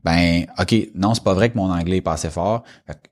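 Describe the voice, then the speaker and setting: Low-voiced Québécois man talking casually. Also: a little fast. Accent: Québécois French. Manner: reflective, explains with everyday examples. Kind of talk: casual conversation.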